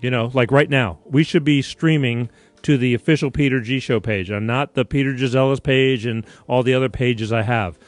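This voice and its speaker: With faint music behind him and no room sound, a Connecticut-born man hosts a live-streamed talk show in a mid-range voice at a moderate pace. His talk is rambling and digressive, full of restarts and offhand swearing.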